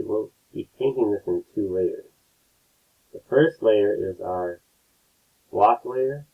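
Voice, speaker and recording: A man teaching a painting lesson step by step, his audio a low-quality, tinny stream as he keeps checking in with his students. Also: gravelly, husky. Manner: relaxed, explains step by step, keeps checking in with "right?". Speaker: art teacher. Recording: tinny lo-fi phone-like sound.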